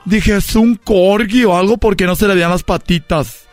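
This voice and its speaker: A man with a Mexican Spanish accent telling an animated comedic story with friends, quoting the voices of the people in it. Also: high voice, moderate pace, dry recording, soft background music.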